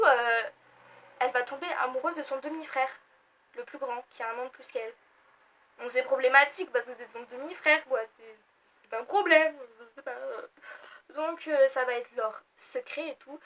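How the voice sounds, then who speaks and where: Bright high-voiced chatty young woman. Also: poor audio. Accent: French. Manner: chatty, animated, self-mocking asides. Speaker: book vlogger. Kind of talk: casual book review vlog.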